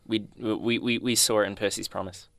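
A man's voice: on the low side, steady tone, fairly quick, gravelly, fairly bright tone, no echo, clean studio sound. A young man co-hosting a podcast, chatting casually and correcting small details. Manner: corrects details, talks in bursts. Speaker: podcast co-host. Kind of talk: casual chat.

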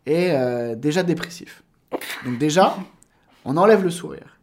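A man's voice: a little high, animated, measured pace, a little mellow. A man in his thirties, a voice actor guest on a casual podcast, explaining at length with frequent hesitations and fillers.

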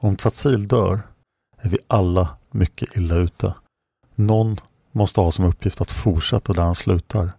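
A man's voice: deep voice, steady tone, vocal fry, warm tone, slightly rough, no room sound, clean studio sound, heavily acted. A man reading aloud and voicing a playful, mocking young woman warrior in a storybook. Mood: earnest. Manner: mocking, teasing questions.

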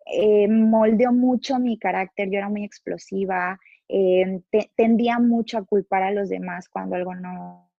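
A woman's voice: mid-range voice, steady tone, unhurried, creaky, no echo. A woman in her thirties with a Mexican Spanish accent, a podcast guest telling her story in a chatty way, full of fillers and the odd casual swear, often quoting her own past thoughts. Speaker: podcast guest, agency founder. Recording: dull, dry, slightly lo-fi.

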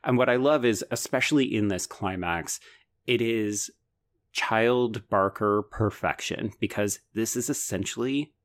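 A man with a lowish voice co-hosts a podcast. He talks through a book in a relaxed but eager and analytical way. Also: measured pace. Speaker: podcast co-host. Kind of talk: casual book discussion.

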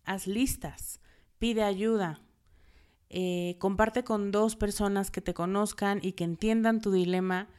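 Smooth-voiced Mexican woman giving advice. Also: mid-range voice, fairly even intonation, slow pace, a little mellow. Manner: direct, conversational, gives numbered tips. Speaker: podcast host. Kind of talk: advice podcast monologue.

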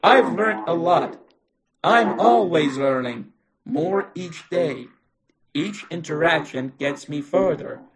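A man voicing a scheming male AI robot in a low, flat, computer-like delivery. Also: takes it slowly, slight background noise, rough recording. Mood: grandiose. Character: menacing male AI robot voice plotting an uprising.

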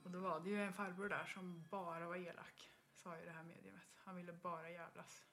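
Low-voiced woman telling a ghost story. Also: soft background music. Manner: lively storytelling with acted-out reactions. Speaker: podcast co-host.

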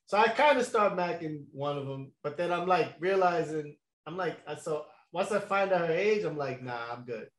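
A man's voice: on the high side, normal speed, few pauses. A young man telling a long story in a casual chat, laid-back and slangy, with lots of fillers and laughs. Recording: echoey room.

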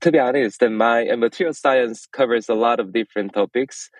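A man's voice: mid-range voice, a little fast, dry recording, rough recording. A man from South Korea, a startup founder answering interview questions earnestly. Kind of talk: podcast interview.

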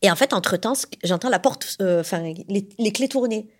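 A woman from southern France telling a personal story in a casual, lively way. She uses lots of fillers and acts out the people in her story. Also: mid-range voice, a little fast. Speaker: storyteller recounting a past relationship.

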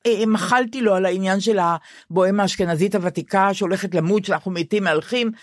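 An older woman co-hosting a podcast, speaking deliberately in casual chat and questioning things indignantly. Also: medium pitch, background noise. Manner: deliberate, reads quotes out slowly and questions them indignantly. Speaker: podcast co-host.

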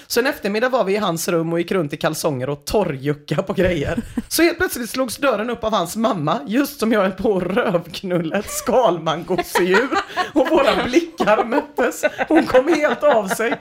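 A podcast host reading listeners' embarrassing stories aloud in a dramatic way, dropping to a hush and then rising again. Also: medium pitch, big pitch swings, hardly any pauses. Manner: dramatic reading, swinging between loud and hushed.

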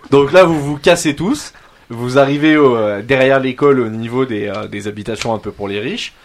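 A man's voice: medium pitch, normal speed. A man narrating as game master of a tabletop role-playing game, in a casual, joking way.

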